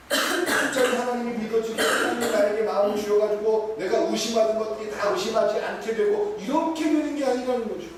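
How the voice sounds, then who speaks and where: A man preaching a sermon as pastor, earnest and pleading, acting out prayers in the first person. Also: extremely high pitch. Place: church sanctuary. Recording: echoey church hall with noise, mic far off.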